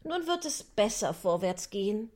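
A man voicing Alice, a polite little girl, in a high, breathy falsetto as he reads a story aloud. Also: big pitch swings, moderate pace, a little mellow. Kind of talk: audiobook reading.

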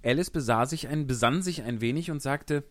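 A man's voice: mid-range voice, brisk, a bit bright, no room sound. A man narrating a storybook in scripted audiobook style.

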